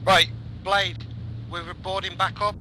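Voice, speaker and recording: A man's voice: high voice, flat delivery, slow pace. A man briefing and making military radio calls in a matey, instructive gamer style. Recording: very loud vehicle noise throughout.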